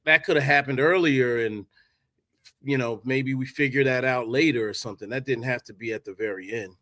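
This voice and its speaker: A man's voice: mid-range voice, a little fast, bright, forceful tone, no room sound, clean studio sound. A man co-hosting a casual fan podcast, thoughtful and rambling, full of fillers. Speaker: co-host.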